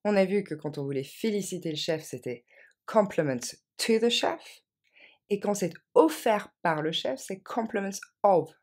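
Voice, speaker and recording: Lively French woman teaching English. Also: on the low side, slightly rough. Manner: models English phrases slowly and quickly for repetition. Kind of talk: language lesson with repeated model phrases.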